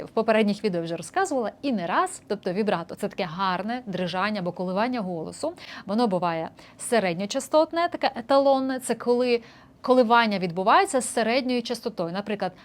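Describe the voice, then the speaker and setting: Woman vocal coach explaining technique. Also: mid-range voice. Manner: explains then sings short demonstrations. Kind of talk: casual vocal lesson. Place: indoor room with a street musician outside.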